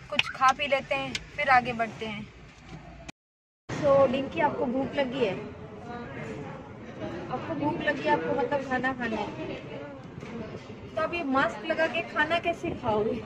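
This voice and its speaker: A woman in her thirties, a travel vlogger, chatting directly to her viewers in a casual, playful way as she films herself on a phone held at arm's length. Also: high voice. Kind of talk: casual travel vlog narration. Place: in a car, at a roadside restaurant and outdoors. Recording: loud crowd and traffic noise.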